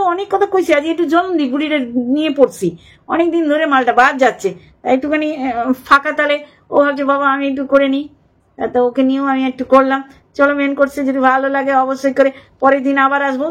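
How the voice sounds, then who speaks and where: A woman vlogger, giving mocking, animated gossip commentary straight to her viewers. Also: high-pitched.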